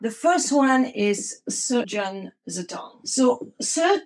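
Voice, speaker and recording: A middle-aged woman with a French accent hosts a podcast and teaches acupuncture in a casual monologue. Friendly and simple in her explanations, she often checks in with listeners by asking "make sense?" Her voice is on the high side, very animated, and very slow.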